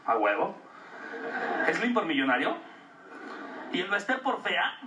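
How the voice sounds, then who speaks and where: A man's voice: high voice, big pitch swings, slow pace. A Mexican man doing a stand-up routine, crude, slangy and self-mocking. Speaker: stand-up comedian. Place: comedy stage before an audience. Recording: roomy club audio, distant mic, noisy.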